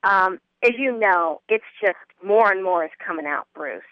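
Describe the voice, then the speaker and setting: A woman's voice: medium pitch, lively intonation, normal speed, no room sound. A woman guest on a political talk radio show, speaking earnestly and growing indignant. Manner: earnest, rising to indignant emphasis. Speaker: guest commentator. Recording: muffled phone-line audio.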